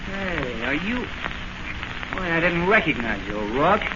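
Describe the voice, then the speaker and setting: An actor playing a brisk, firm, businesslike and protective boxing trainer in an old-time radio drama. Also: male voice, on the high side, big pitch swings. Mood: impressed. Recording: noisy, muffled old radio recording.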